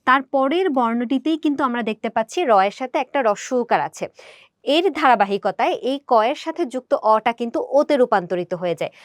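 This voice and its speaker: A woman's voice: high voice, dry recording, clean studio sound. A young woman teacher explaining grammar in an exam prep lesson, talking straight to her students. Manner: brisk, explanatory, addresses students directly.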